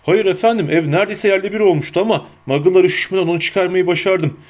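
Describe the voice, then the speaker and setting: A man voicing a huge, bearded, gentle giant who speaks dutifully and breaks into sobbing stammers. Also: high voice, quick pace, voice pushed up, natural voice. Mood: respectful.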